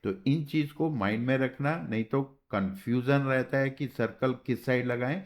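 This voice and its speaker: A man teaching a shorthand class, explaining step by step in a patient way and often checking with "okay". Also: medium pitch. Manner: slow, patient, spells out sounds and checks with "theek hai". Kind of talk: classroom lesson.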